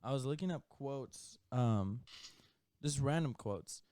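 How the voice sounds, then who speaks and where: A man's voice: medium pitch, expressive, slow, mellow. A young man co-hosting a podcast, telling stories in a laid-back way and laughing often. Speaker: podcast co-host. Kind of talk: casual chat.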